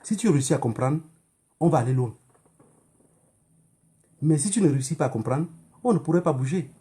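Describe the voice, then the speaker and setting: A Cameroonian-accented man, an online activist livestreamer, delivers a political monologue to his viewers, emphatic and admonishing, with repeated phrases and rhetorical questions. His voice is a little high, animated, brisk and mellow.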